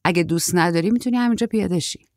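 A woman's voice: on the low side, a little mellow, dry recording, natural voice. A woman voicing a brusque, terse middle-aged woman who talks in a dry, impatient way.

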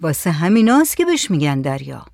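A woman's voice: low voice, sing-song, vocal fry, a little mellow, no room sound, clean studio sound, heavily acted. A woman voicing the impatient, practical young son of a village headman in a read-aloud story. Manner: impatient, matter-of-fact.

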